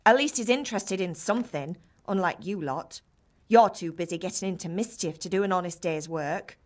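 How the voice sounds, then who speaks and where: With a lowish, natural voice at a moderate pace, an actress portrays a middle-aged medieval village mother. She chides and teases with warmth, animated and nagging, in dramatic video game dialogue.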